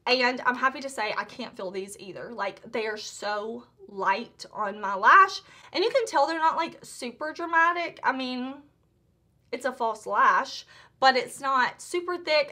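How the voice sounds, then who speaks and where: Woman, beauty vlogger, high voice, bright tone, gushing casual chat, lots of "like". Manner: gushing, chatty, full of "like" and restarts.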